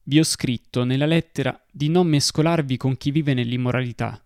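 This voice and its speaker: A man giving a slow, solemn devotional reading. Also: mid-range voice, no room sound, studio quality.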